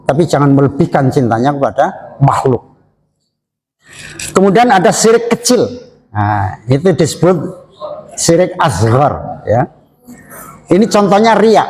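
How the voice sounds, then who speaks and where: A man's voice: high-pitched, a little mellow. Man preaching in an echoey hall. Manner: chatty, jokes and laughs with listeners. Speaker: Islamic preacher. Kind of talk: religious study lecture to a congregation.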